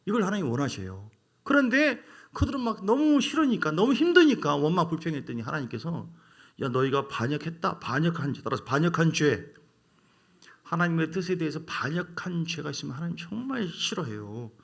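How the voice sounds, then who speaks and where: Gravelly man preaching, voice swings up and down a lot, bit high. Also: very animated, a bit bright. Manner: preaching with emphatic rises and drawn-out words. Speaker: pastor. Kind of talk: sermon.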